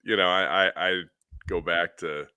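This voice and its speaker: Middle-aged guy, low voice but bright and punchy, dry close mic, rambling podcast baseball talk. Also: unhurried, clear, resonant tone, dry recording. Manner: animated, rambling baseball breakdown. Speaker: podcast co-host, hitting coach. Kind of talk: casual podcast chat.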